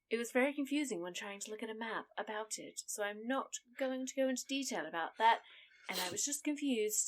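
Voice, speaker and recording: A woman's voice: fairly high pitch, a bit bright. A woman hosting a casual true-crime chat from notes, irreverent, sweary and self-deprecating in the way she talks. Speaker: podcast host.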